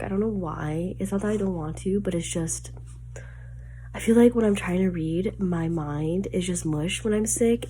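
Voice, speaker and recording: At home, a young woman who is a book vlogger chats casually, her voice sick and stuffy-nosed, lowish and dark in tone, with a little hiss or hum. She rambles on, packing her talk with filler words and lots of "like"s.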